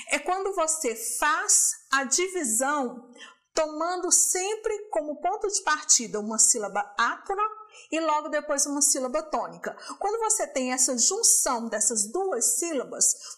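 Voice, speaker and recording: A woman's voice: high-pitched, fairly bright tone. A woman with a Brazilian Portuguese accent giving a distance-learning lesson on poetic meter, explaining step by step. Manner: slow, deliberate, explains step by step. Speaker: teacher.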